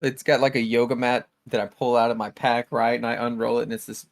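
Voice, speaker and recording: A man's voice: medium pitch, little pitch movement, brisk, vocal fry. A man casually describing his fairy character and its actions as a player in a tabletop game, rambling with lots of fillers.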